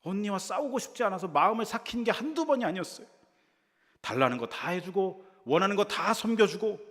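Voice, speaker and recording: A male pastor voicing an indignant young woman complaining to her pastor, in a high, strained, aggrieved tone. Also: lively intonation, a little fast, fairly bright tone. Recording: reverberant church hall.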